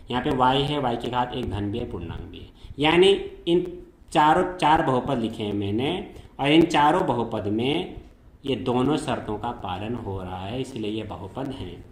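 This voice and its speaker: A man's voice: mid-range voice, echoey room. A man teaching a math lesson to school students. He explains step by step and keeps checking that they follow.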